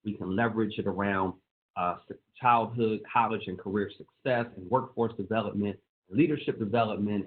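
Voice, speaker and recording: Brief: lower-voiced man, pastor and lawmaker, earnest, repeats key phrases, presenting to pastors over thin phone-line call audio. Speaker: pastor and state legislator.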